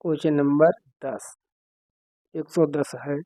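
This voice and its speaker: A man's voice: on the high side, fairly even intonation, slow pace, warm tone, no room sound. Man teaching an exam-prep lesson. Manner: explains step by step, often checking with "ठीक है". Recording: dry, slightly dull recording.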